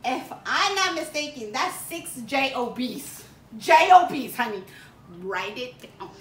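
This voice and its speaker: A woman's voice: high voice, very animated, a little slow, fairly bright tone, exaggerated voice. A woman playing a boastful salon stylist in a comedy sketch, with sassy, theatrical drag-queen manner and honey-this, girl-that talk. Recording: echoey room with faint background noise.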